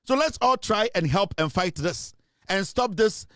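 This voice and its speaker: A Ghanaian man speaks as a political commentator in a forceful, insistent monologue, pressing each point hard. His voice sits high for a man. The sound is close and dry, with no room around it. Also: expressive, unhurried, no room sound. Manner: forceful, insistent, mixes English and Twi. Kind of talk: impassioned monologue.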